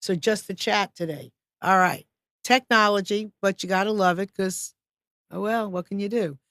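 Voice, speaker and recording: A woman's voice: medium pitch, normal speed, a bit bright, no echo. A woman hosting a live studio talk show, upbeat, chatty and welcoming. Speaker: show host.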